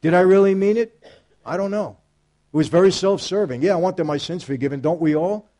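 A man giving a faith testimony, storytelling emphatically and speaking straight to his audience, swinging between hushed and loud. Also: sits high, a little fast. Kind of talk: personal testimony talk.

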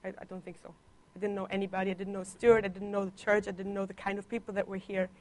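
A young woman from Germany, whose first languages are Italian and German, gives a personal testimony as a visiting guest speaker on a church placement. Her mid-range voice is flat and quick, her manner conversational with playful teasing humor, and she has a slight cough.

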